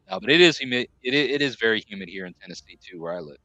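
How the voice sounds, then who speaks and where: Rambling New man, bright tone. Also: on the low side, no echo, poor audio. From New York, USA. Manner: rambling, self-correcting. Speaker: live stream host. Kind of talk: casual chat reading viewer comments.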